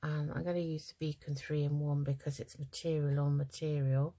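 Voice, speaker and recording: A woman's voice: sits low, flat delivery, moderate pace, dark tone. A middle-aged woman hosting a craft channel, talking casually and hesitantly through her project with many ums, tired and yawning. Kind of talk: casual crafting tutorial chat.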